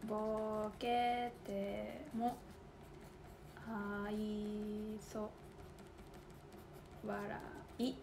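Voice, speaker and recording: A woman's voice: medium pitch, flat delivery, drawn-out words, pauses often, noisy background. A young woman with a Kansai accent, chatting casually on a livestream and giggling as she thinks aloud while writing. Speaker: idol livestream host.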